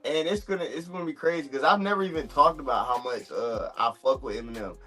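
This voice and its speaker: Mid-pitched male guest, reflective, thinking aloud. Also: fast talker, bright, forceful tone, faint music behind. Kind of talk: casual chat.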